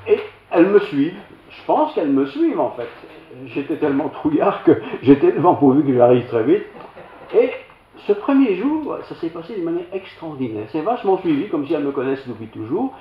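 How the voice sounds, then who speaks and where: A man's voice: a little high, a little hiss or hum. An older man with a Belgian French accent, a pastor telling a homely, self-mocking childhood anecdote in a sermon. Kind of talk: storytelling sermon. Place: church hall. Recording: roomy, slightly dull church recording.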